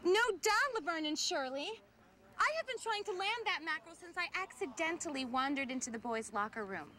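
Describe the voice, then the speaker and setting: A woman's voice: sits high, lively intonation, a little fast, pushed and bright, a little hiss or hum. An actress playing a bossy teenage girl who makes sarcastic demands, in a 1990s sitcom.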